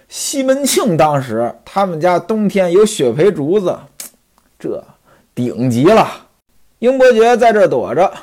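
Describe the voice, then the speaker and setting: A man's voice: on the high side, darkish tone. Chatty male storyteller. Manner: chatty, addresses listeners directly. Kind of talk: storytelling commentary on a classic novel.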